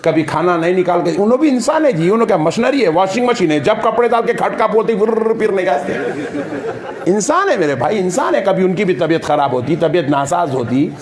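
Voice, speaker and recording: A man preaching a sermon, animated and playful, often mimicking family members for the crowd. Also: high voice, a little fast. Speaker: Islamic preacher.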